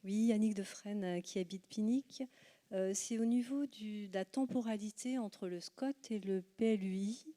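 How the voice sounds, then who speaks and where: A woman's voice: medium pitch, normal speed, mellow. A woman, a local resident, asking a hesitant question at a public meeting, admitting she is a bit lost. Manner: hesitant, confused.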